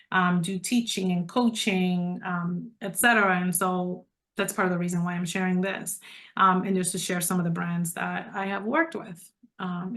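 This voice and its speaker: Middle-aged woman from the Dominican Republic, leadership coach, mid-range voice, persuasive and chatty, presenting on a video call. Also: mid-range voice. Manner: conversational and persuasive, addressing listeners directly. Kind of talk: online presentation to a group.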